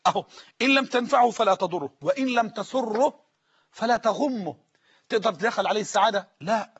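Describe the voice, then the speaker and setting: A man preaching a sermon-style lesson with an Egyptian Arabic accent, emphatic, slowing down to repeat sayings so listeners can write them down. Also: sits high, expressive, fairly bright tone, husky, highs cut off.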